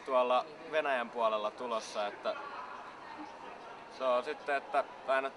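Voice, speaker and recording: A man in a comic mock interview, rambling in an absurd, deadpan way. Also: mid-range voice. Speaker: mock athlete being interviewed. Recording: outdoor street noise.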